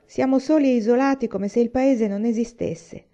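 Laura, a woman reading as a restless young pioneer girl in a storybook. The voice is warm and mellow, pitched a touch higher and eager. The recording is slightly dull and lo-fi. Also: normal speed, natural voice.

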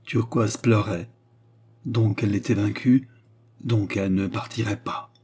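A man narrating a literary novel in a measured, even storytelling manner. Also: lowish voice, slight background noise. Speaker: audiobook narrator.

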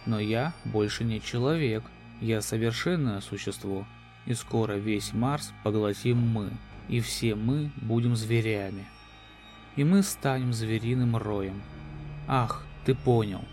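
A man voicing a gloating, menacing alien beast in a human body, slow, ominous and taunting, in a sci-fi horror audio drama. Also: lowish voice, darkish tone, soft background music, close to an everyday voice. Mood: gloating menace.

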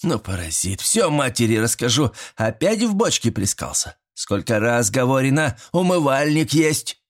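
Guy doing a bossy old village granny in an audiobook, pitched way up, folksy and naggy. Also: very animated, moderate pace. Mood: scolding. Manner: rustic folksy speech, scolding and fussing.

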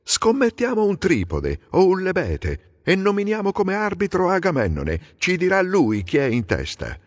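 A man's voice: medium pitch, big pitch swings, moderate pace, gravelly, husky, big-room sound, pitched above the performer's own voice, exaggerated voice. A man doing a proud, irritable older king. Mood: irritated. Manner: peering, uncertain, then testy. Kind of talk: dramatic audiobook reading.

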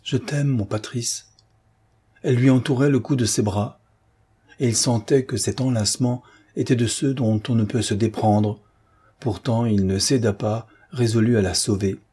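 A man giving grave, measured narration of a classic novel. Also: mid-range voice, fairly even intonation, warm tone, breathy edge. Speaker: audiobook narrator. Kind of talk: scripted literary narration.

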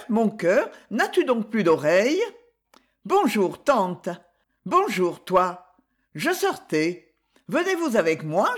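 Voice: mid-range voice, pitched above the performer's own voice. A reader voicing a cheerful, playful young woman engaged to be married, in an audiobook. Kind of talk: audiobook character voice.

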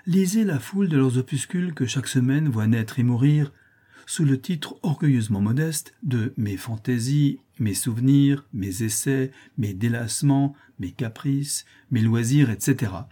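Speaking in a mellow, medium-pitched voice with a breathy edge and a natural quality, a man plays a witty young man disguised as a noble young lady. His delivery is cool, ironic and measured throughout.

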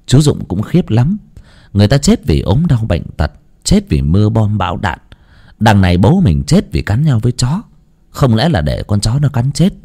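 A man's voice: lowish voice, wildly swooping pitch, moderate pace, mellow, breathy edge. A man narrating a horror story dramatically, shifting his pace for effect.

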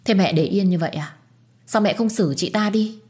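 A woman's voice: mid-range voice, moderate pace, a little mellow, voice pushed up, natural voice. Woman doing a greedy, spoiled young girl. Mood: eager.

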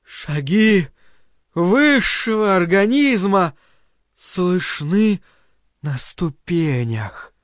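A solemn, otherworldly voice booms slowly from above, as a male audiobook reader puts it on. It stretches every word and sinks toward a hushed whisper, pitched higher than the reader's own voice and set in a dry, close recording. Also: expressive, no room sound. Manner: slow, drawn-out and solemn, dropping to a whisper. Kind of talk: audiobook reading.

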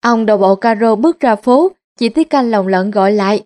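A middle-aged woman, reading a story aloud in a lively, colloquial manner. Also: a little high, fairly quick.

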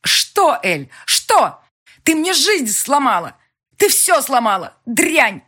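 A woman's voice: sits high, sing-song, normal speed, slightly rough, voice pushed up, exaggerated voice. A woman reading an audiobook, voicing a furious, hysterical young woman who screams at the top of her voice. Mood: shrieking.

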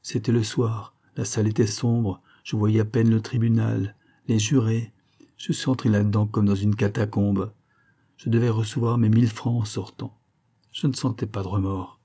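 A man's voice: lowish voice, flat delivery, normal speed, mellow, breathy edge. A man reading a novel aloud and voicing a dying woman who confesses to a false testimony, anguished and pleading, repeating words in despair. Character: dying guilt-stricken woman, a former false witness. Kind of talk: audiobook reading.

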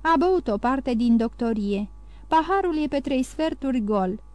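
A woman's voice: sits high, lively intonation, darkish tone, dry recording. A woman voicing a hired nurse muttering matter-of-factly to herself in an audiobook. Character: hired nurse, plain and practical.

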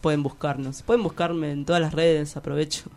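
Interviewed casually, a young Argentine poet answers in a Rioplatense accent, wandering from point to point with hesitations, slang and giggles. She talks fairly quickly in a low, steady, slightly mellow voice.

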